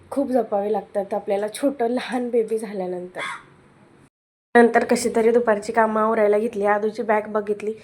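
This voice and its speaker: A woman's voice: on the high side, darkish tone, a little hiss or hum. A young woman with a Marathi accent, talking candidly about her children and advising other mothers in a casual home vlog. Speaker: vlogger and mother.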